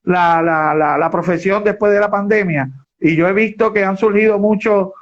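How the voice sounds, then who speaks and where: A man hosting an interview, talking reflectively with halting restarts. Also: high voice, dull audio. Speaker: interview host. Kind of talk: casual interview chat.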